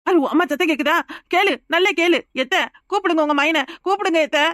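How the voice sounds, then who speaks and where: Fast-talking Kanyakumari young wife. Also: female voice, very high-pitched, fairly bright tone, no echo, clean studio sound. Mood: urgent. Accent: Kanyakumari Tamil. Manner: rapid, insistent, pleading. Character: frightened young village wife. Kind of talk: cartoon voice acting.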